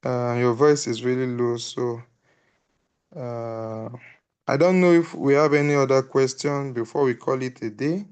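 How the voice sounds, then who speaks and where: A man with a smooth, resonant voice guides the call to a close. He speaks hesitantly, pausing on "uh" and restarting his sentences while he gives earnest advice. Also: mid-range voice, darkish tone. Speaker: call moderator. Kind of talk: casual group call, closing remarks.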